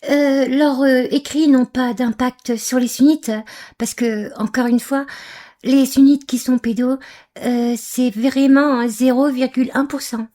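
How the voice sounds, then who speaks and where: Scornful lady ranting over a clip, kinda high but mellow voice, lots of euhs. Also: steady tone, a little slow. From Algeria. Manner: scornful, insulting, hesitant with many fillers. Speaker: commentator reacting to a video. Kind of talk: angry reaction commentary.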